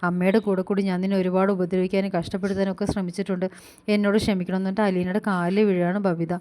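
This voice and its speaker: A woman quickly retelling a TV serial episode, quoting each character's lines in turn with frequent fillers. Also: mid-range voice, flat delivery, mellow. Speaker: serial review vlogger.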